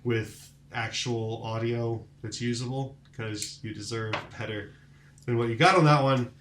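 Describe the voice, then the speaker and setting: A man of ordinary pitch hosts a casual podcast, recapping results with rambling enthusiasm. His voice bounces around a roomy, echoing space. Fillers and restarts run through his talk. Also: fairly even intonation, a little slow, a bit bright, slight background noise. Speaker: podcast host.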